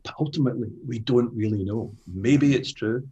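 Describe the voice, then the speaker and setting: A man's voice: medium pitch, normal speed, mellow, slightly rough, highs cut off. A Scottish man, older, speaking frankly as an interview guest, with many restarts. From Scotland. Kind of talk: conversational interview.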